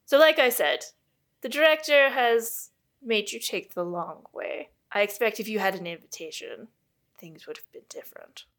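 A woman putting on a brusque, overworked astronomer who wants visitors gone. She is curt and dismissive, a little louder than her narrating voice, with an odd put-on accent. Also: a little high, normal speed, natural voice.

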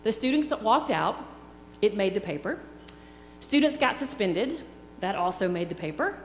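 A woman's voice: medium pitch, very animated. A middle-aged woman preaching a sermon in an earnest, reflective way. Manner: slow, earnest, reflective delivery. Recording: echoey hall with faint hum.

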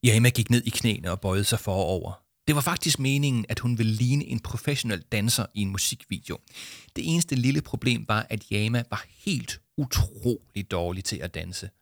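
A man narrating a children's audiobook in a calm, lively storytelling manner. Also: lowish voice, no room sound, studio quality.

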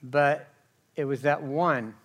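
A man preaching from a church pulpit, swinging from hushed low talk to loud, fired-up shouting and often asking the crowd "right?". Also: takes it slowly. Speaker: pastor. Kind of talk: impassioned sermon.

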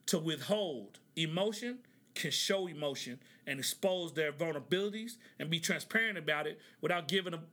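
Podcast host, man from Oklahoma, high and bright voice, loose conversational commentary with "right?" asides. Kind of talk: casual commentary.

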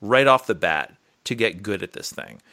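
Animated man talking in casual conversation. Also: fairly low pitch, normal speed. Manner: animated, rambling, many restarts. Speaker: podcast co-host and writing teacher.

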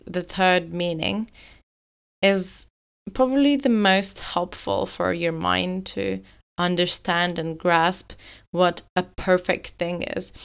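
A woman's voice: fairly low pitch, smooth. A woman hosting a solo podcast, explaining ideas in a thoughtful way and often saying "like" as she goes. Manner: thoughtful, explanatory, uses many fillers like "like". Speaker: podcast host.

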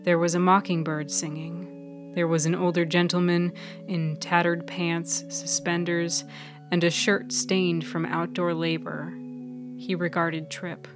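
A woman narrating her own serial fiction in a measured, even storytelling voice. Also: on the low side, music in the background. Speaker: author and narrator. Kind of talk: scripted audiobook narration.

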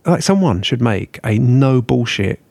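A man's voice: mid-range voice, expressive, measured pace, gravelly, a little mellow, dry recording. A man rambling on in a casual chat, self-deprecating and sweary.

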